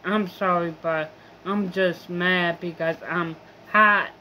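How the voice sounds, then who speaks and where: Very slow-talking young woman venting. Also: fairly low pitch, steady tone, pushed and bright, a little hiss or hum. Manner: rambling, profane and complaining. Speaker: vlogger. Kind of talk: casual venting monologue.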